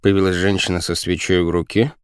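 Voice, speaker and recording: A man narrating an audiobook in an expressive, vivid reading. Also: sits low, a little fast, clear, resonant tone, no echo, clean studio sound.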